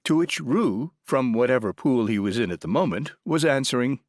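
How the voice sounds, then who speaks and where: A man narrating a children's audiobook with an expressive, animated reading. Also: mid-range voice, moderate pace, no echo, clean studio sound.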